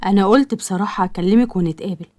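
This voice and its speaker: A woman's voice: mid-range voice, rapid-fire, darkish tone, lightly acted. A woman with an Egyptian accent voicing an earnest young man who courts a girl, pleading and reassuring. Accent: Egyptian Arabic.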